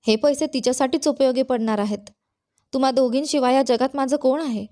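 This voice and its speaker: A woman's voice: high-pitched, a little fast, warm tone, lightly acted. A woman voicing a loyal, caring young woman friend, speaking earnestly in a storybook reading. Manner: earnest, heartfelt.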